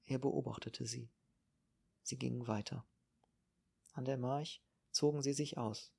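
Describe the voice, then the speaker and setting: A man reading an audiobook in a calm, measured narration. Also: medium pitch, vocal fry, husky. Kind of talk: scripted narration.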